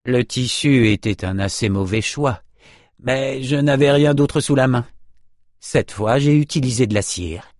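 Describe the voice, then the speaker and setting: A man reading an audiobook, voicing a calm, self-assured male hero who explains things in a matter-of-fact, wry way. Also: medium pitch, a little slow, dry recording, clean studio sound, natural voice.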